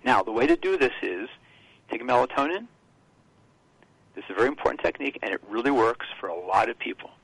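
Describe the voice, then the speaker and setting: Brief: male radio guest, gravelly and a bit husky, dry close sound, explanatory. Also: mid-range voice, sing-song, fairly bright tone, dry recording, rough recording. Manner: explanatory, halting with restarts. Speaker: health expert guest. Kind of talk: radio health talk.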